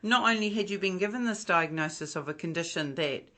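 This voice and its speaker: An interviewer who asks gentle, measured questions and sums things up for the listener. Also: mid-range voice.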